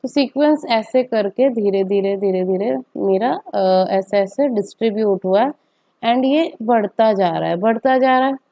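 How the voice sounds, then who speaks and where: A woman's voice: mid-range voice, measured pace, mellow, dull audio. A woman teacher gives a step-by-step maths lecture, often asking rhetorical questions and checking in with "okay".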